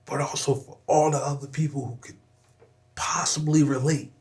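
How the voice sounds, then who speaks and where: A man's voice: a little high, fairly even intonation, moderate pace, darkish tone. Candid, profane man from Southern California. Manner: emphatic and profane, with frequent "you know what I'm saying". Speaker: podcast guest, rapper. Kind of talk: candid personal storytelling.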